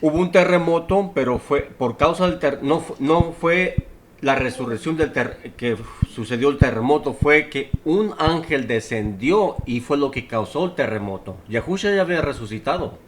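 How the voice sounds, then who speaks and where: A man's voice: a little high, lively intonation, normal speed, a little hiss or hum. A man in a casual Bible discussion, asking questions and explaining his view with frequent restarts. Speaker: Bible study participant.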